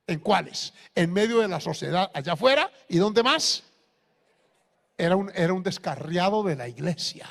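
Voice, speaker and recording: A man pastor with a Colombian accent, preaching a sermon that swings between loud exhortation and hushed anecdotes. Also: high-pitched, lively intonation, moderate pace, vocal fry, in a large hall. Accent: Colombian Spanish.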